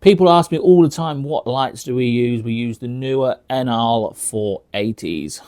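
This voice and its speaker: A man with a British accent narrates a casual walkthrough in a slightly low-pitched voice. He is chatty and colloquial, often repeating words for emphasis and dropping in slang. The sound is dry, with very little room echo. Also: moderate pace, a little mellow. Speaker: online reseller giving a tour of the business. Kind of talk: informal walkthrough vlog narration. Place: indoors, walking through warehouse rooms.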